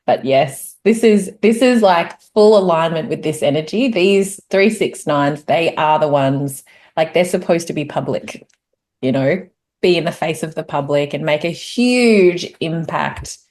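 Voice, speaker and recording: Bubbly woman hosting a chat. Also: low-pitched. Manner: bubbly, enthusiastic, fast-rising excitement. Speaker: host. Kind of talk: casual group chat.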